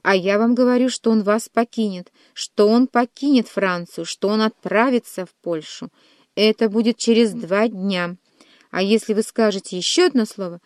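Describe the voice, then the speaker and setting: A woman reading an audiobook, voicing a cold, scheming queen mother who speaks in a measured, threatening way. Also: fairly high pitch, darkish tone, no room sound, studio quality, close to an everyday voice.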